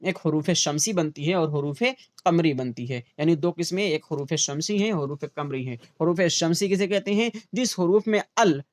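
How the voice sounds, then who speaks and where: A man teaching an online grammar lesson for a teacher exam, asking questions and answering them himself, repeating example words slowly, with an Urdu-inflected accent. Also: fairly high pitch, darkish tone. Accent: Urdu-inflected Hindustani.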